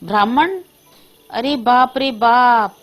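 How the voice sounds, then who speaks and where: A woman plays an older brother woken and shaken by news of a ghost. He stammers in disbelief, slow and fairly high, over faint music. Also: lo-fi sound. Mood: aghast. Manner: stammering, aghast. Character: startled older brother, grown man.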